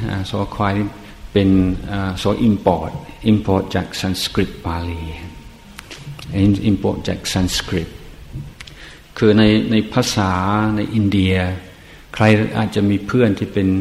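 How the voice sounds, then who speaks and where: A man giving a classroom lecture, halting with many fillers and restarts and asking the class questions. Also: sits low, gravelly, darkish tone, slight background noise. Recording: echoey hall, recorded from afar.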